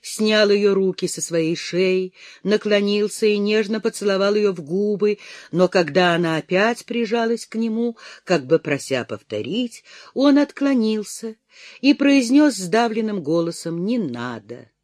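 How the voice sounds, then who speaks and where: A narrator reading a romance novel aloud in an expressive, dramatic manner. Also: medium pitch, measured pace, dry recording, clean studio sound. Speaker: audiobook narrator.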